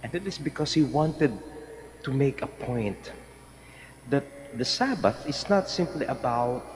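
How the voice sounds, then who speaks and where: Filipino-accented priest in cathedral echo. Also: male voice, medium pitch, animated, unhurried. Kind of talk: liturgical reading and homily. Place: large reverberant church during Mass. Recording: long cathedral-like reverb, faint background noise.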